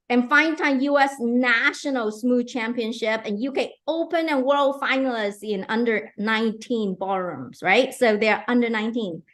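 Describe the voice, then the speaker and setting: A middle-aged woman from Hong Kong hosting an online interview, eager and enthusiastic, often checking in with "right?" and "okay". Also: fairly high pitch. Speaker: host.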